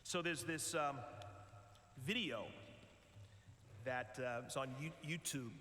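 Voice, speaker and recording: A priest giving a retreat talk in a large church, telling a story in a relaxed, conversational way with many ums and uhs. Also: male voice, medium pitch, slow. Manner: conversational storytelling with frequent fillers. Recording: echoey church with long reverb.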